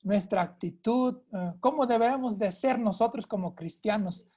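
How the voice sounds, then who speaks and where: Mexican lady moderating sabbath school, soft warm voice, calm. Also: on the high side, normal speed, breathy edge. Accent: Mexican Spanish. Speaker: lesson moderator. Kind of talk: Sabbath school lesson discussion.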